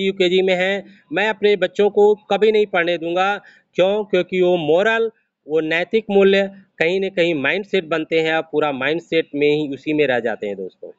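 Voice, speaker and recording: A man's voice: sits high, dry recording. A man giving a preachy motivational speech to an audience, repeating phrases for emphasis. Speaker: motivational speaker. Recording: dry, dull lo-fi sound.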